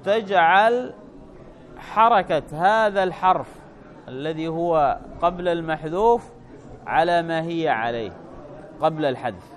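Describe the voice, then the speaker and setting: A man teaching a grammar lesson, repeating key points and checking that his listeners follow with quick questions. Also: on the high side. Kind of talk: classroom explanation.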